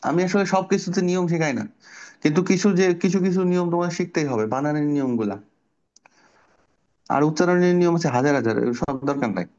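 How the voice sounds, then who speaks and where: A man's voice: a little high, quick pace, a little mellow, highs cut off. A man teaching an online children's class, patiently explaining pronunciation step by step and asking the pupils questions. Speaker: Bangla teacher.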